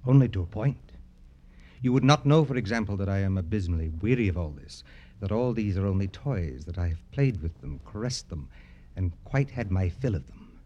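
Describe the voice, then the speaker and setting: In an old-time radio drama, a male actor plays a wealthy, arrogant, jaded satirist given to florid, affected, theatrical speech, sounding world-weary and self-dramatizing. His voice is low, warm, and animated at a normal pace, and the sound is lo-fi.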